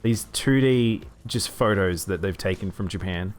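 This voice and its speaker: A man's voice: on the low side, moderate pace. A man with a mild Australian accent, chatting casually while streaming a game. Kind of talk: casual gaming chat.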